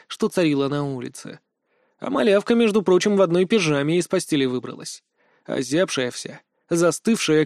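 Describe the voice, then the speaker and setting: A man reads a first-person fantasy audiobook with dramatic, expressive storytelling. His voice sits a little higher than most men's. The recording is dry and close to the microphone, with no room sound. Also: dry recording. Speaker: audiobook narrator.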